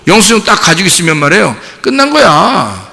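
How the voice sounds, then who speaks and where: This pastor talks fast in a high-pitched, creaky voice, and the sound carries the feel of a big room. Preaching in a church sanctuary, he's lively, asks the congregation rhetorical questions, and acts out short scenes with dialogue.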